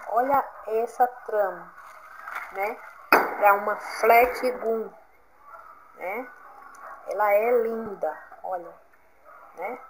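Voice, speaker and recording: A woman's voice: medium pitch, poor audio. A Brazilian woman talks through a casual craft tutorial from home, upbeat and encouraging. Her voice sits in a middle range, and faint background noise runs under the recording. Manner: chatty, encouraging, keeps saying "gente" and "olha". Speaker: crafts vlogger.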